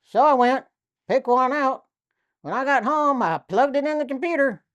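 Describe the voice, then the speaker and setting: A woman's voice: sits high, moderate pace, lo-fi sound. A woman comedian telling silly jokes and short stories, jumping into acted quotes. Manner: lively storytelling with acted quotes.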